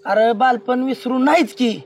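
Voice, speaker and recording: A man's voice: extremely high pitch, moderate pace. A man in a village comedy skit, scolding a grown man in a matter-of-fact way.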